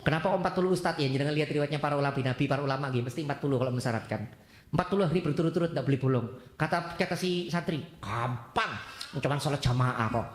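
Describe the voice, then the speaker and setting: A man with an East Javanese accent preaching and answering audience questions as a lively storyteller, acting out dialogue and slipping into Javanese. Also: fairly high pitch, rapid-fire. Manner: mixes Javanese into his talk. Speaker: Islamic preacher. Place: mosque hall. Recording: echoey mosque hall.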